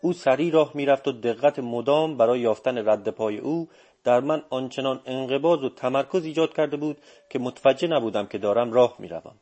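A man narrating a first-person audiobook in a measured, steady reading. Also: medium pitch.

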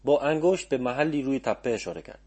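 A man narrating an audiobook in a calm, measured storytelling manner. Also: mid-range voice, slightly rough.

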